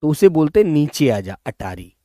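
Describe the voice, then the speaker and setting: A man teaching in a live online class, coaxing his students and drilling words by repeating them slowly. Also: fairly high pitch, sing-song, warm tone, dry recording, studio quality. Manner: coaxing, addresses students as children and brothers. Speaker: Hindi teacher.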